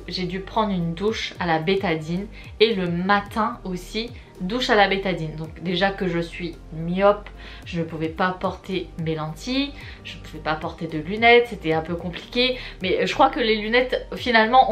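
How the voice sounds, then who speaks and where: Casting: female online storyteller, mid-pitched voice, chatty and expressive, speaking casually straight to viewers. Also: normal speed, soft background music. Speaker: YouTube vlogger. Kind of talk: story time vlog, casual chat to viewers.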